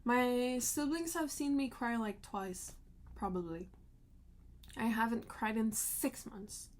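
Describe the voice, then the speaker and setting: A woman with a slightly high voice talks at an unhurried pace, venting frustration. She tells a storytime vlog emotionally and swears freely along the way. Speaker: vlogger.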